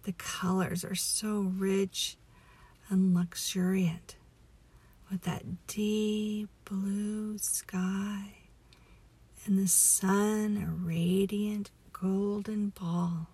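A woman leading a guided relaxation meditation as a story, in a soothing, hushed, breathy voice that often nears a whisper. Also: mid-range voice, little pitch movement. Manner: slow, soothing, hushed delivery.

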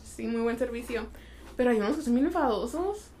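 A woman's voice: fairly high pitch, animated, fairly quick, warm tone, slight background noise. A young woman, a podcast guest casually telling workplace anecdotes with a chatty, laughing manner. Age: young adult. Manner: chatty storyteller, laughs through her anecdotes. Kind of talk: casual chat.

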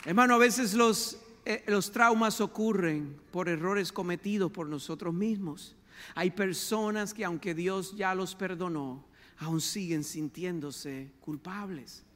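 A man's voice: high voice, measured pace, fairly bright tone, long reverb tail. A man, a pastor, delivering a fervent sermon, calling his listeners brother and slipping English words into his preaching.

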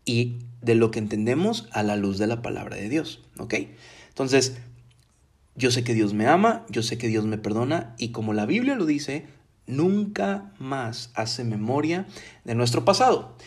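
A man preaching a casual sermon from his home, talking in a conversational, emphatic way and slowing down to stress key words. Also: mid-range voice, animated, darkish tone, husky. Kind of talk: casual live-streamed sermon.

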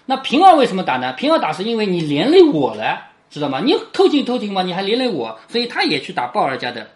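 A teacher explaining a chapter of a classic novel in a conversational way, often asking the listener "right?" and dropping to a quiet tag at the ends of sentences. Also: mid-range voice, wildly swooping pitch, fast.

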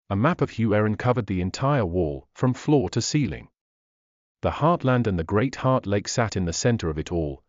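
A male narrator reads a fantasy audiobook in a measured, expressive way, his low voice rising and falling widely. The recording is dull and very dry, with no room sound. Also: no room sound.

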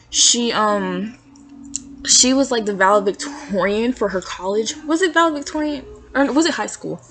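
A woman's voice: a little high, a bit bright. Young female student podcaster, casual solo monologue from a dorm room, chatty and filler-heavy. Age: young adult.

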